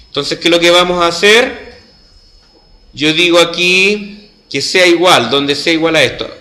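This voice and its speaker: A man's voice: a little high, pushed and bright. A man with a Chilean Spanish accent teaching a computer class, explaining step by step and checking that his students follow. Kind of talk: classroom lesson. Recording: echoey classroom.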